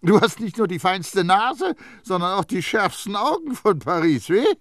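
A stern elderly master perfumer bellows and mocks in a raised, lively voice, as a male reader puts him on. The audiobook sound is dry and close. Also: high-pitched, takes it slowly, gravelly, no echo, voice pushed up, exaggerated voice. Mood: shouting. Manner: loud, scolding and mocking. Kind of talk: audiobook character voice.

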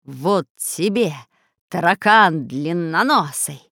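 A menacing male villain ruling over plants in a storybook, drawing out his threats slowly, as a woman puts him on. The voice stays close to her own pitch but turns heavy and deliberate, with a dry sound. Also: lively intonation, gravelly, sharp tone, dry recording, heavily acted.

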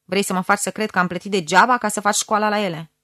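A woman voicing a bossy, scornful old mother who scolds loudly and hisses through her teeth, in an audiobook reading. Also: medium pitch, no room sound, clean studio sound, natural voice. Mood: scolding. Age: older.

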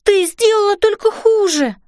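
A woman's voice: high voice, big pitch swings, fairly quick, no echo, clean studio sound, voice pushed up. A woman voicing an anxious seven-year-old girl in a children's storybook, speaking urgently. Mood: panicked. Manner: urgent, panicky.

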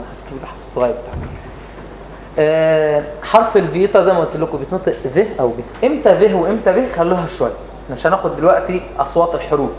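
An Egyptian man teaches in a brisk, slightly raised voice, patiently walking the class through each point and asking it questions. He is recorded in an echoey room with faint noise behind him. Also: on the high side, darkish tone. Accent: Egyptian Arabic. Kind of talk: explanatory lesson.

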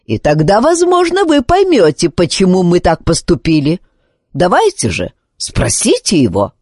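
A woman's voice: lowish voice, wildly swooping pitch, moderate pace, a little mellow, slightly rough, no room sound, studio quality, heavily acted. A woman reading the part of a mocking male commander who taunts a boy prisoner. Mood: taunting. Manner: taunting, sneering.

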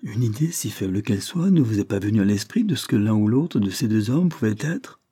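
Officier de police insistant, lu par un homme. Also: male voice, fairly low pitch, lively intonation, fairly quick, mellow, slightly rough, no room sound, clean studio sound. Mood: insistent. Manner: insistent, probing. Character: insistent male police officer questioning a witness.

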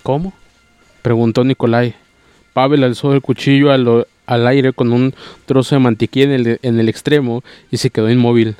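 A man reading a novel aloud at a steady pace, sometimes stumbling and restarting a word. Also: medium pitch, normal speed, clean tone, no room sound, faint music behind. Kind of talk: audiobook reading, plain voices for characters.

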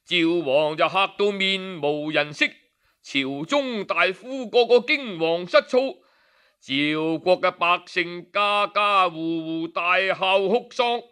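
Slow, smooth, pushed and bright, this man's Cantonese-accented voice recounts a historical story the traditional way. He sighs dramatically between phrases and changes pitch to voice the quoted figures.

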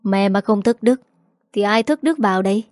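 A woman's voice: medium pitch, moderate pace, dry recording, clean studio sound, close to an everyday voice. A woman voicing a middle-aged son who placates and mutters sarcastically. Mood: placating, sarcastic.

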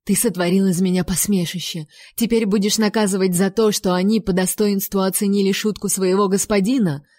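A woman voicing a proud young noblewoman who speaks in a sharp, accusing way. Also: medium pitch, steady tone, a little fast, dry recording, clean studio sound, natural voice. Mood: furious.

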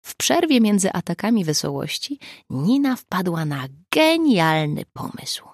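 A woman narrating an audiobook in an expressive storytelling manner. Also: on the low side, measured pace, no room sound, studio quality.

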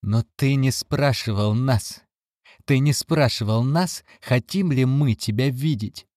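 A man reading an audiobook, voicing a hostile, defiant teenage boy who shouts. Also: mid-range voice, slow, dry recording, studio quality, pitched above the performer's own voice, lightly acted. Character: angry resentful teenage boy. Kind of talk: audiobook character voice.

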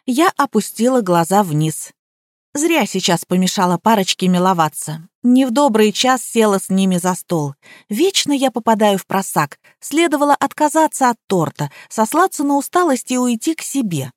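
A woman's voice: a little high, big pitch swings, moderate pace, no room sound, clean studio sound. A woman narrating an audiobook in the first person with a wry, ironic manner.

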